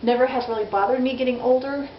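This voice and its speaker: A fast-talking woman in her forties with a high voice and fairly even intonation chats candidly in a casual video diary. The vlogger is frank and self-deprecating. Audio is dull and lo-fi, in an echoey room with faint noise.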